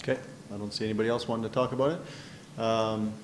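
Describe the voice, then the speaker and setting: A man chairing a town council meeting in a relaxed, joking way. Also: on the low side, fast talker. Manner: easygoing, joking. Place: council chamber. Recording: echoey council chamber with background noise.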